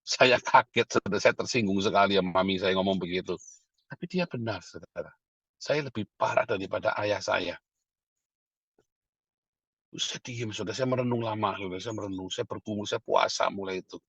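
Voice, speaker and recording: Husky-voiced man preaching a sermon. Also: on the low side, normal speed, fairly bright tone, no room sound, highs cut off. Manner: preaching, often addressing listeners as brothers and sisters. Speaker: pastor.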